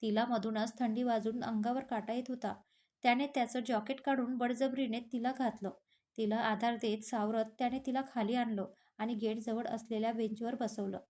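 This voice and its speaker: A woman narrating a scripted story as storyteller in a steady, even way. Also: a little high, moderate pace.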